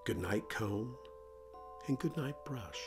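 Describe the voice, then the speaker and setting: A man's voice: fairly low pitch, lively intonation, takes it slowly, creaky, music in the background. A middle-aged man who hosts a children's show, presenting and reading stories aloud for kids.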